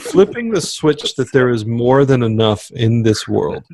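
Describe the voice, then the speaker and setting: A man's voice: medium pitch, big pitch swings, unhurried, darkish tone, no echo. A man co-hosting a podcast in casual chat, talking emphatically and circling back to repeat his motivational point. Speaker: podcast co-host.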